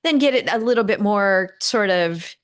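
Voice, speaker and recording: A middle-aged woman from Northern California hosts a podcast interview, speaking in long, rambling turns full of fillers and restarts. Her voice is medium-pitched and animated, at a moderate pace.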